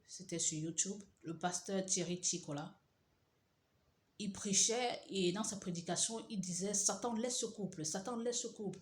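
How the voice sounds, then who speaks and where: Dramatic woman's low-pitched testimony, echoey room. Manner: dramatic, repeats phrases, drops to hushed tones. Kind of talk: religious personal testimony. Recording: roomy echo with faint ambience.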